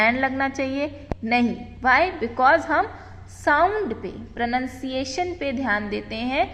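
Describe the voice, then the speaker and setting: A woman's voice: high voice, a bit bright. A woman teacher explaining a grammar lesson to young children, switching between Hindi and English and calling them "beta" as she explains patiently. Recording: hall-like reverb.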